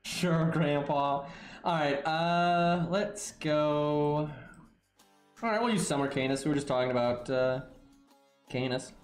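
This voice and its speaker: Stuffy-nosed man streaming, slightly high voice. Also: a little slow, echoey room, soft background music. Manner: rambling, chatting with viewers. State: sniffly, under the weather, mouth-breathing. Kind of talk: casual game stream commentary.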